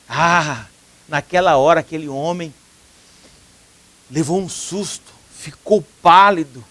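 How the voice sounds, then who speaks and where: A man's voice: sits high, a bit bright. A man with a Brazilian Portuguese accent, a pastor preaching on television, telling a story earnestly and acting out the dialogue of its characters. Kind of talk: sermon storytelling. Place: TV studio.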